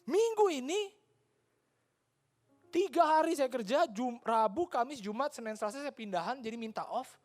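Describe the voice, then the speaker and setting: In church, a woman with an Indonesian accent gives a heartfelt personal testimony, moving between Indonesian and English. Her voice sits high and animated at a normal speed, at times dropping into soft, near-whispered tones.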